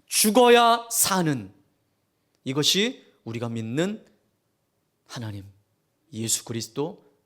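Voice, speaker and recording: A male pastor preaching a sermon in a church, telling exaggerated humorous stories in an animated way. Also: mid-range voice, takes it slowly, pauses often. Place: church sanctuary.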